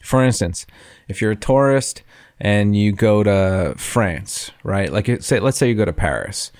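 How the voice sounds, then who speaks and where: A man's voice: fairly low pitch, measured pace, a little mellow. A man co-hosting a podcast in casual chat, rambling with restarts and frequent laughs. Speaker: podcast co-host.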